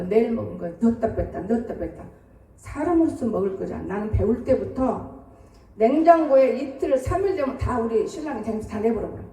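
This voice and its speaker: A woman's voice: medium pitch, gravelly, warm tone. An older woman pastor giving a sermon in a homey, storytelling way, acting out family conversations. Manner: colloquial storytelling, acts out family dialogue. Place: church sanctuary. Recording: echoey church hall from far off.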